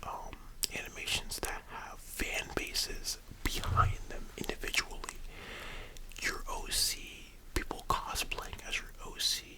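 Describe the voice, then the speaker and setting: A young man giving a casual, musing ASMR monologue in a soft, breathy library whisper, with halting delivery. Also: rough recording. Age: young adult. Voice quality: hushed, breathy unvoiced whisper. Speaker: ASMR video host.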